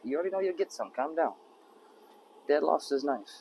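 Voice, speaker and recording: A man cooks dinner at an outdoor campsite and rambles to the camera, stopping to scold and praise his dog. His voice is gravelly and swings up and down a lot. Faint outdoor noise sits behind him. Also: fairly high pitch, animated, fairly quick, a little mellow, rough recording. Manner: rambling, talks to his dog and jokes to himself. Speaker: camping vlogger. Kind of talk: casual talk to camera while cooking.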